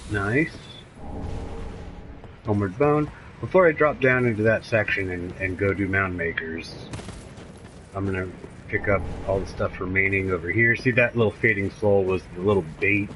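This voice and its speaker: A man giving excitable let's play commentary, reacting out loud as he plays. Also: fairly low pitch, noisy background. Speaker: gameplay commentator.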